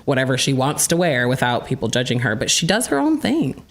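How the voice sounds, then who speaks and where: A woman's voice: rumbling low, very animated, fairly quick. A young adult woman co-hosting a radio talk show, chatting casually and giving her opinions with animation. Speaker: co-host. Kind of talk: casual chat.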